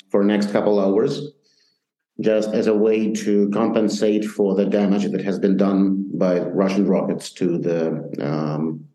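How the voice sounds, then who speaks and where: Slow-talking Ukrainian man in a roomy space. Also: on the low side, dark tone. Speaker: interview guest, soldier and communications manager. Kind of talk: remote interview, conversational. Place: bomb shelter. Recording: roomy, echoing remote connection.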